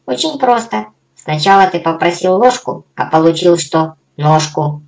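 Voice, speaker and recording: A man voicing a small, cheeky male magical creature in a squeaky, quick, teasing voice for a storybook reading. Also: expressive, gravelly. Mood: eager, teasing.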